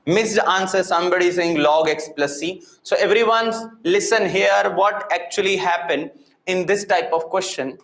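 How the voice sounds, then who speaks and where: A man's voice: high voice, normal speed, gravelly, a bit bright. A man with an Indian accent teaching a live class, speaking emphatically, repeating key points and answering his own questions. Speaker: physics and maths teacher. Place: indoor room with echo. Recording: echoey room.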